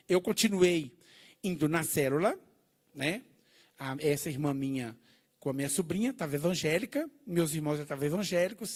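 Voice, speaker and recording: A middle-aged man preaching his testimony in a church, telling his story in an animated way and often turning to the congregation. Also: high voice. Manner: animated storytelling, acting out dialogue; addresses the congregation with "né" and "gente". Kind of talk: testimony sermon.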